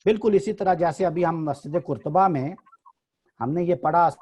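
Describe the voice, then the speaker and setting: A man's voice: on the high side, a little mellow, husky. A man teaching in a literary discussion, patiently explaining and correcting pronunciation.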